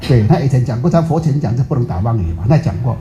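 A man's voice: mid-range voice, lively intonation, rapid-fire, mellow, a little hiss or hum, poor audio. A man giving an informal Buddhist dharma talk to a live audience, chatty and often checking with them, sprinkling in English words. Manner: chatty, keeps asking the audience "right?".

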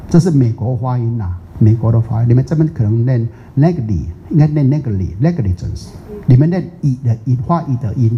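Dark-voiced older teacher. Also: male voice, medium pitch, slight background noise. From Taiwan. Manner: chatty, teasing, drawn-out English words. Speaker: Buddhist teacher. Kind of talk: casual dharma talk. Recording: muffled lo-fi recording.

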